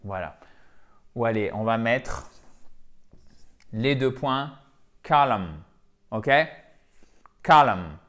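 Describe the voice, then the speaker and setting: A man teaching a video lesson for French speakers, lively and repeating words to drill their pronunciation. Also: mid-range voice, slow pace, long pauses. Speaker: English teacher.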